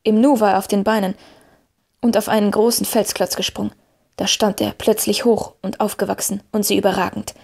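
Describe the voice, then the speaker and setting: Woman reading fantasy audiobook, raspy creaky voice, steady. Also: mid-range voice, a little fast. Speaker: audiobook narrator. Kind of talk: scripted fantasy narration.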